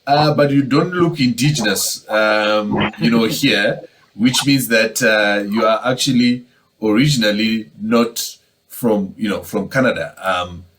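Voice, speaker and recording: Male moderator, low voice, relaxed panel chat that acts out little dialogues. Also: measured pace, background noise. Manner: conversational, acts out quoted exchanges. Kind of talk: casual panel discussion.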